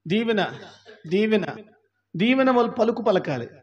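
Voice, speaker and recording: High-voiced pastor preaching with fervor. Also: male voice, lively intonation, normal speed, lo-fi sound. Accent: Andhra Telugu. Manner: calls on the congregation to repeat, rising to shouts. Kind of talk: sermon.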